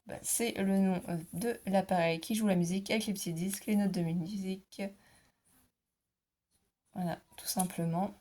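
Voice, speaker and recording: A middle-aged woman presents her craft haul in a relaxed, chatty way. She hesitates often and fills gaps with little fillers. Her voice sits at a medium pitch. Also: moderate pace. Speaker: scrapbooking vlogger. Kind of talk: casual product haul.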